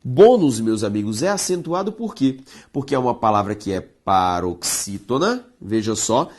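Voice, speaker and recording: A Brazilian Portuguese-accented woman gives an online grammar lesson. Her voice is expressive and full of pitch movement, and she lingers on stressed words while addressing her students directly. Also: a little fast. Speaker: teacher.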